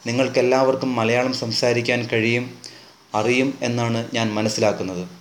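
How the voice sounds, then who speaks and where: A man's voice: medium pitch, steady tone, normal speed, slight background noise, natural voice. A man voicing a reclusive man who addresses a village meeting in a resonant, commanding voice, in an audiobook reading. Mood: polite. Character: reclusive man with a manly booming voice. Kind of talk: audiobook narration.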